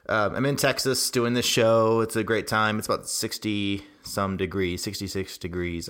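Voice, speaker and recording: Deep voiced guy doing a laid-back radio show intro, kinda rambly and halting, echoey like he's in a cave. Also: fairly bright tone. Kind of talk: casual music radio hosting. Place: bungalow, sounding like a cave.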